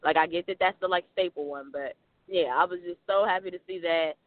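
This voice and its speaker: A man co-hosting a casual podcast chat, animated and full of "like" fillers. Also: high-pitched, no echo. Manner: animated, talks fast with many "like" fillers. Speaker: podcast co-host. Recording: dry phone-like sound.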